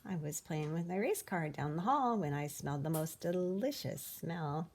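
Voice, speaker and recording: A woman's voice: low-pitched, animated, moderate pace, a little mellow. Polite, hungry young boy for a picture book female reader, wide-eyed and emphatic. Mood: eager.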